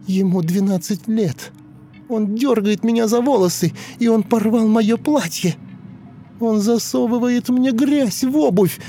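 Woman playing a hypnotized woman talking like a little girl, slow, mellow, sobbing, audiobook. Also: a little high. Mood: upset. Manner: sobbing, pleading, childlike. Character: hypnotized woman regressed to a ten-year-old girl. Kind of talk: audiobook character voice.

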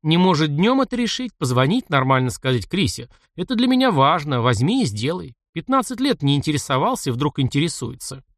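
A man reading aloud, voicing a frightened but defiant woman who speaks quietly and tensely. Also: a little high, sing-song, fairly quick, few pauses, no echo, clean studio sound.

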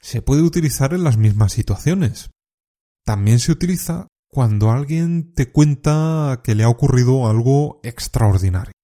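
A man from teaching expressions in a calm, measured scripted lesson, now and then acting out short example phrases. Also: medium pitch. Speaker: Spanish teacher.

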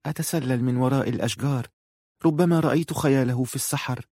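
A man voicing a shy, lovesick eighteen-year-old girl who speaks softly and pleads. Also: medium pitch, fast talker, no echo, studio quality, pitched above the performer's own voice, natural voice. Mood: tender, pleading. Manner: soft, pleading, tender.

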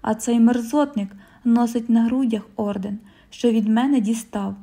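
A woman's voice: fairly high pitch, steady tone, normal speed, vocal fry, dark tone. A woman voicing a haughty, cornered male government minister who speaks with indignation. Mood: indignant.

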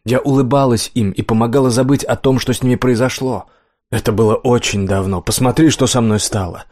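A man voicing Death as a hooded old woman, weary and bitter, who speaks quietly with a hiss and breaks into angry accusations in an audiobook. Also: medium pitch, fairly even intonation, brisk, dry recording, clean studio sound, pitched above the performer's own voice, lightly acted. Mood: accusing. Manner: quiet, hissing menace rising to angry outbursts. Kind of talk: audiobook character reading.

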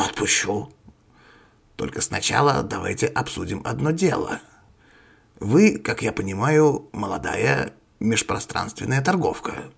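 A man voicing a calm, sinister male rebel leader who speaks slowly and courteously, with a husky, creaky voice. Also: on the low side, full character voice. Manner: slow, courteous, menacing.

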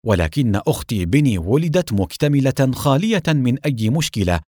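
A man narrating a first-person story in a reflective, expressive reading style, recorded close to the mic. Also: medium pitch, normal speed, no echo. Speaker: audiobook narrator.

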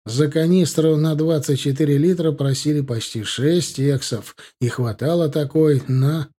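A man narrating a fantasy audiobook in a steady, measured reading style. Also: on the high side. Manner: steady, measured reading of dense technical prose. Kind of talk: scripted narration.

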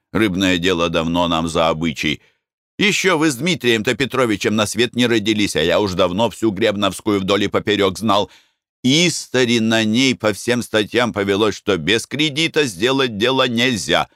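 A man's voice: fairly low pitch, expressive, normal speed, fairly bright tone, no echo, studio quality. A man voicing a blustering sly old merchant. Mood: persuading. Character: scheming older male fish merchant, hot-tempered and wheedling. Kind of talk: audiobook character reading.

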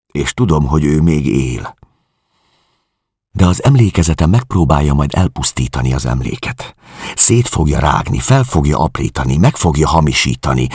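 A man reading an audiobook, voicing a grieving middle-aged refugee who speaks in a quiet, confessional, searching way. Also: rumbling low, husky, no room sound, clean studio sound, heavily acted.

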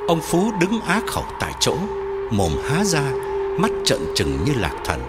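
A man's voice: mid-range voice, wildly swooping pitch, a little slow. A man narrating a ghost story audiobook with dramatic, sweeping intonation. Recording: loud background music.

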